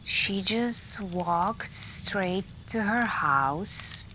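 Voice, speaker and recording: In an ASMR roleplay, a woman plays a friend spinning scary campfire stories, speaking in a gentle mid-range voice. She keeps it hushed and intimate, pausing often and sometimes sinking into a whisper. Fire crackling and night ambience hold steady in the background.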